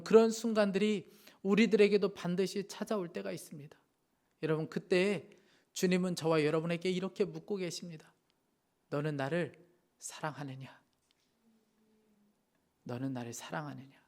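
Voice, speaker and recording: A man preaching a Sunday sermon in church. His voice sits a little high for a man. He reads a moving story aloud and then turns to address the congregation directly. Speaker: pastor. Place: church sanctuary.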